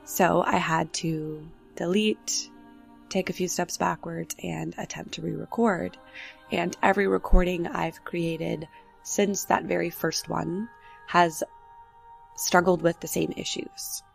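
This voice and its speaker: A young woman, a bit nasal from the flu, hosts a solo reflective podcast from an apartment with road noise outside. Her fairly low, gravelly voice stays steady as she tells personal stories candidly and unhurriedly over soft background music.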